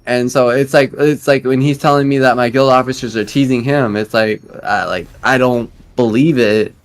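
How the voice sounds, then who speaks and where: A man's voice: medium pitch, steady tone, moderate pace, smooth. Rambling twenty-something man on voice chat. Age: 20s. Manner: rambling, many fillers and restarts. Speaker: guild leader. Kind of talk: casual voice chat.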